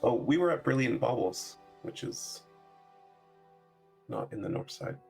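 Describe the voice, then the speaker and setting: A man's voice: medium pitch, lively intonation, measured pace, vocal fry, darkish tone, soft background music. A man playing a tabletop game, chatting casually and hesitantly. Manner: hesitant, lots of fillers. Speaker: player.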